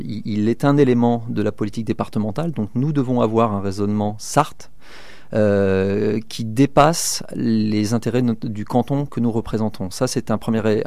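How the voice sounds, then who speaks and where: Gravelly-voiced man in his thirties. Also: on the low side, dark tone, dry recording. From southern Manche, France. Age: 30s. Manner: hesitant, many fillers and restarts. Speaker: election candidate. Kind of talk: interview answers.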